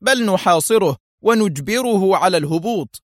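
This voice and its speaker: Man playing a stern male pilot, firm and sharp, raised pitch. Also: animated, moderate pace, dry recording, studio quality. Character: stern adult male helicopter pilot urging restraint.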